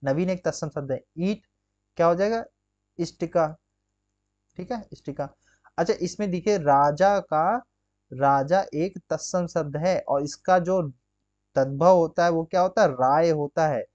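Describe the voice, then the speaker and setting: A man's voice: a little high, measured pace, darkish tone, muffled recording. Man drilling a grammar lesson. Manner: drills with rhetorical questions and frequent check-ins. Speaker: Hindi teacher. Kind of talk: exam-prep grammar lesson.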